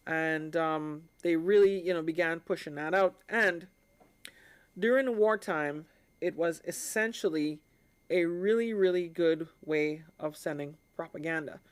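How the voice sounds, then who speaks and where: A Caribbean woman hosts a live stream, explaining things informally and conversationally while frequently checking in with her listeners. Her voice is on the low side with a clean tone.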